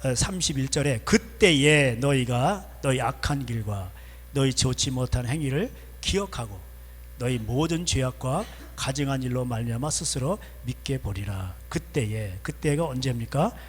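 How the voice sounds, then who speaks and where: A man's voice: mid-range voice, animated, moderate pace, breathy edge, long reverb tail. A male pastor preaching a conversational sermon. He asks rhetorical questions and answers his own points with short affirming asides. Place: church sanctuary.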